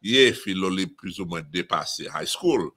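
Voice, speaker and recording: A man's voice: sits low, animated, measured pace, fairly bright tone, breathy edge. A man from Haiti with a Haitian accent, talking emphatically in a casual discussion and often repeating and restarting phrases.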